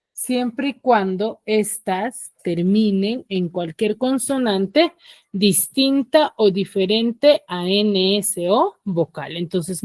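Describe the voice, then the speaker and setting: A woman's voice: medium pitch, no room sound, clean studio sound. A woman teaching an online class with a Peruvian Spanish accent, leading students through questions step by step. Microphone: computer mic on a video call.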